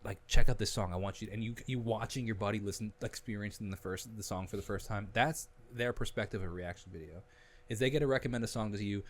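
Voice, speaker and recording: Fast-talking low-voiced young man. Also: slight background noise. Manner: animated storyteller with frequent restarts. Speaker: podcast guest, musician. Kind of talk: casual conversation.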